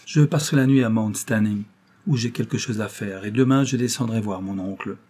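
A man reading the part of a calm, resolute young gentleman who speaks firmly and with quiet irony. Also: lowish voice, fairly quick, lightly acted.

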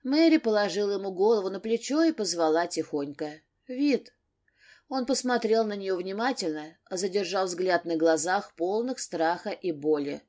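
A woman narrating an audiobook in an expressive reading style. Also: medium pitch, moderate pace, few pauses. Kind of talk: scripted narration.

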